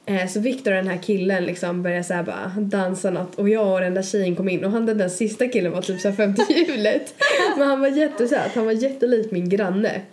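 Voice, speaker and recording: Brief: young woman, mellow tone, chatty rambling storyteller. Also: medium pitch, fairly even intonation, hardly any pauses. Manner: rambling, lots of fillers and quoted asides. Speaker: podcast co-host. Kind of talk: casual storytelling chat.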